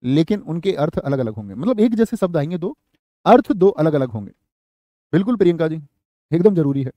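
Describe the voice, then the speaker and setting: A young man teaching an online exam-prep class, repeating phrases slowly for students to write down and calling on them by name. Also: a little high, very animated, warm tone, no room sound, dull audio. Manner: slow, repeats phrases for dictation, addresses students.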